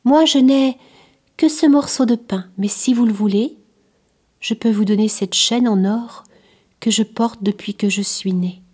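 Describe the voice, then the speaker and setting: Lady doing a curious innocent little boy, high and eager, storybook style. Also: measured pace, a little mellow, husky. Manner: eager questioning. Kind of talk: storybook reading.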